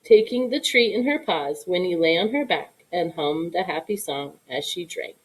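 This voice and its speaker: Expressive woman reading a storybook, very animated. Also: fairly low pitch, moderate pace, rough recording. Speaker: storybook reader. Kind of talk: expressive read-aloud narration of a children's story.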